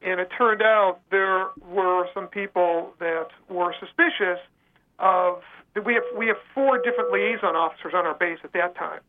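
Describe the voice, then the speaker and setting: A man heard over a phone line, telling his own story as an interview guest in a halting, earnest way. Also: high voice.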